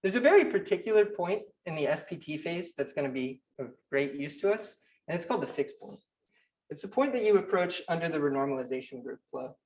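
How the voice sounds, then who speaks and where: A young man giving a technical conference talk, talking quickly with frequent fillers and restarts. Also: a little high, expressive, a little mellow, rough recording. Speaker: conference speaker. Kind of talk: academic talk.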